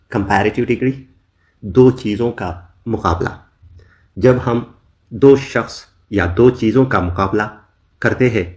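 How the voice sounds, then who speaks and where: A man teaching an English grammar lesson in Urdu, slowly dictating each example phrase by phrase. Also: lowish voice. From Pakistan. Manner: slow, deliberate dictation of examples.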